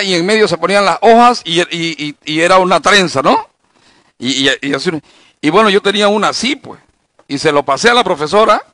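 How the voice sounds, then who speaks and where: Man pastor, Bible study sermon, fairly high voice, dry close mic, storytelling with rhetorical questions. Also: fairly bright tone, no room sound. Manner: conversational preaching with anecdotes and rhetorical questions.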